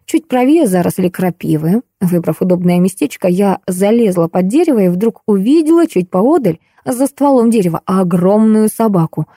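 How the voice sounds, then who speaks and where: A woman narrating a first-person audiobook in a lively, ironic storytelling way. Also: mid-range voice, normal speed, few pauses, no room sound, studio quality.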